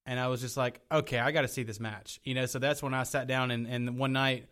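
Podcast co-host, male, mid-range voice, animated and rambling with restarts. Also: medium pitch, a little fast. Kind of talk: casual chat.

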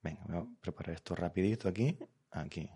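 A man's voice: sits low, fairly quick, warm tone, slightly rough. A man teaching a live online language lesson, patient and explanatory, who checks often that his students follow. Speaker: Spanish teacher.

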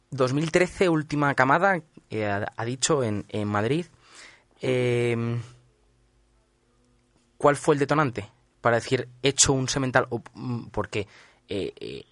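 A man's voice: mid-range voice, fairly bright tone, no room sound. A man interviewing a guest on radio, polite and formal, with hesitant fillers.

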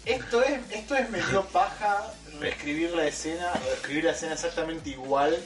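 A young man, co-hosting a comedy podcast. He cuts in with sarcastic jokes and quick asides. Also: fairly high pitch, distant mic. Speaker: podcast co-host. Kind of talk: casual comedic banter. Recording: echoey room, off-mic.

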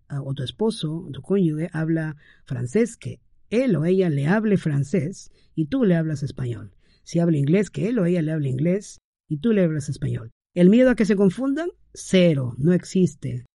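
A man's voice: a little high, gravelly, dark tone, no echo, studio quality. A middle-aged man hosting a podcast, talking in a casual, conversational monologue with frequent fillers and tag questions. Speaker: podcast host.

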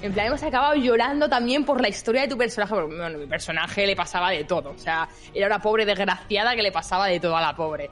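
A woman's voice: mid-range voice, fast, hardly any pauses, a bit bright, soft background music. A woman, a content creator talking casually as a podcast guest, telling stories with many fillers and restarts.

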